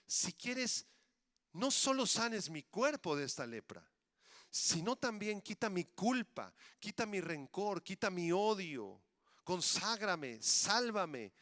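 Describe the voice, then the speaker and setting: A man's voice: extremely high pitch, measured pace, few pauses, sharp tone, smooth, dry recording, clean studio sound, pitched above the performer's own voice, heavily acted. A man acting out a desperate male leper who begs to be made clean, in a raised, urgent, pleading voice.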